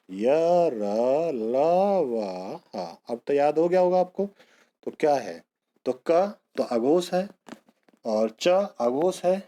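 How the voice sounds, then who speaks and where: A man's voice: medium pitch, warm tone. A man teaching an exam-prep grammar lesson, who asks a question and then answers it himself, calling his students bhaiya and beta.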